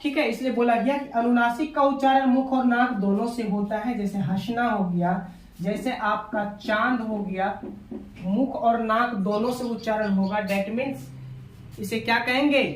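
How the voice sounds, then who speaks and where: A man's voice: extremely high pitch, measured pace. A man teaching an online exam-prep language lesson, asking questions and answering them himself, repeating key points. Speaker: Hindi teacher. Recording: echoey room with faint noise.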